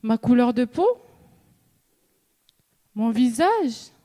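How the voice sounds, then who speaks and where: A young woman from New Caledonia, a student giving a contest speech on stage with slow, measured delivery, dramatic pauses and repeated refrains. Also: fairly high pitch, very animated, dark tone. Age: young adult. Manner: rhetorical questions and repeated refrains. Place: stage in a hall before an audience.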